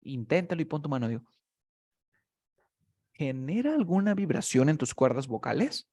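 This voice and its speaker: A man with a slightly raised voice teaches English pronunciation on a video call, speaking through a computer mic. He explains patiently in Spanish, models each sound slowly and keeps checking that his student follows. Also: a little high, very animated, darkish tone. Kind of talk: online one-on-one English lesson.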